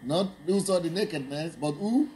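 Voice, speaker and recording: A man's voice: a little high, animated, moderate pace, warm tone, slight background noise. A man, preaching and quizzing his listeners in an emphatic teaching sermon. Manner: quizzing, emphatic, laughs when making a point. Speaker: pastor.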